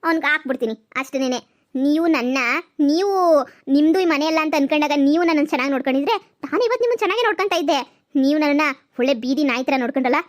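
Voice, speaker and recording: Bossy, sharp-tongued young wife in a cartoon comedy, voiced by a woman, high and scolding. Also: expressive, fast talker. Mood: taunting. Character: defiant sharp-tongued young daughter-in-law.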